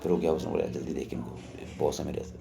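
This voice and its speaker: A man's voice: a bass voice, little pitch movement, fast talker, gravelly, a crowd in the background. An older man casually telling a personal story in a rambling, conversational way, often acting out what others said. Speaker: storyteller recounting a personal memory.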